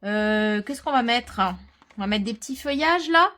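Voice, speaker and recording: Woman, craft tutorial host, chatty and relaxed, slightly high voice, quiet muttered asides. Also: unhurried. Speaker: crafter presenting a scrapbooking tutorial. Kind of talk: casual step-by-step craft tutorial.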